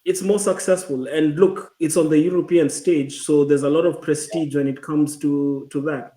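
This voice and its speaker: A man co-hosting a casual football chat, talking in a hesitant, considered way with many pauses and restarts. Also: a little high, fairly even intonation, dark tone, reverberant.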